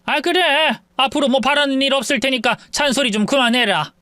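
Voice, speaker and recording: A man's voice: very high-pitched, fairly quick, bright, forceful tone, smooth, no room sound, pitched above the performer's own voice. A man voicing a stingy, defensive older mother-in-law with grumbling, dismissive retorts, in a dramatized storybook reading.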